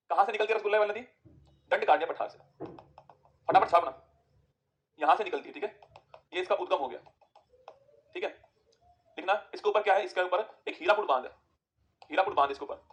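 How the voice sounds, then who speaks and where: A high-pitched male teacher runs an exam-prep geography lesson, firing quick questions at students and answering them himself.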